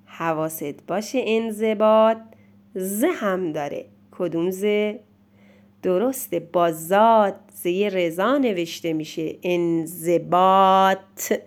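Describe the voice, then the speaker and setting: A woman teaching a spelling lesson, reading words and sentences slowly and clearly, one word at a time, for a child to write down. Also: on the low side. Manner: slow, clearly spaced word-by-word dictation.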